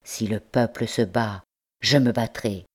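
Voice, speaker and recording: A woman's voice: extremely low pitch, fairly even intonation, unhurried, husky, heavily acted. A woman reading the part of an impassioned young male revolutionary in an audiobook, grave and fervent.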